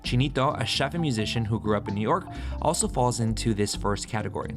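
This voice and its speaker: A man delivers scripted explainer narration as the host, clear and steady, laying out each point plainly. His voice sits at an ordinary middle pitch, with soft music faintly under it. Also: fast. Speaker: host and video journalist.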